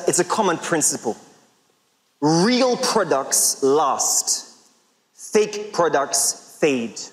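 Animated preacher with lively pitch. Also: male voice. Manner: emphatic, rhetorical questions, drawn-out pauses. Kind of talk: sermon. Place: large church hall with congregation. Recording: long reverb of a big hall.

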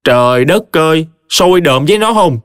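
A man's voice: on the high side, lively intonation, normal speed, clear, resonant tone, dry recording, clean studio sound, pitched above the performer's own voice. A man doing a blustering young village husband. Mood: ranting. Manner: loud, ranting, complaining.

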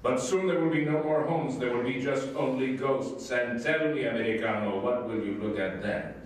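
An actor playing a menacing man who lectures Americans about ghosts, slow and ominous. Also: mid-range voice, close to an everyday voice. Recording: echoey distant room.

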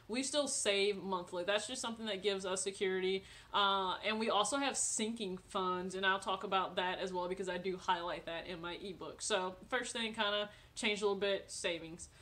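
A woman's voice: mid-range voice, a bit bright. A woman in her late twenties chatting casually to camera from her living room, friendly and talkative with frequent laughs and fillers. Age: 20s. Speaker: vlogger.

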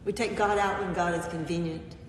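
A woman pastor preaches a gentle sermon at an unhurried pace, pausing often, her slightly low voice keeping a fairly even intonation. Recorded by a mic set far back in a church sanctuary, it carries a long reverb and a faint room hum.

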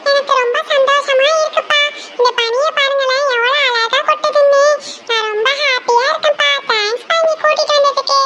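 Little cartoon girl, sweet, chirpy, extremely high squeaky voice, loud hiss and clicks. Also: brisk, few pauses, lo-fi sound. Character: cheerful little girl on holiday.

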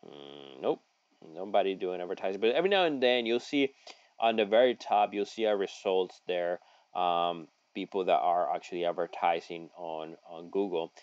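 Deep-voiced man giving a halting screen-share lesson. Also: lively intonation, darkish tone, no echo. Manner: halting, many fillers and restarts, folksy asides. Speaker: local online marketing consultant. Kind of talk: screen-share tutorial, reading an article aloud with commentary. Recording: dry, slightly dull audio.

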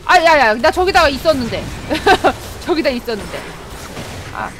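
A woman's voice: sits high, moderate pace, noisy background. A woman streaming a game live, talking through her plays, yelping and laughing at hits and kills. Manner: excitable, yelps and laughs at plays. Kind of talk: live gameplay commentary.

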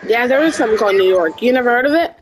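A woman's voice: a little high, expressive, racing, a crowd in the background, low-quality recording. A woman roleplaying an outlaw parent in a western game, talking casually with many fillers. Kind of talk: in-character game roleplay chat.

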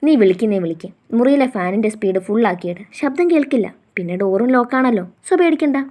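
A woman's voice: fairly high pitch, expressive, quick pace, mellow. Woman voicing a cheeky young woman in love. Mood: playful.

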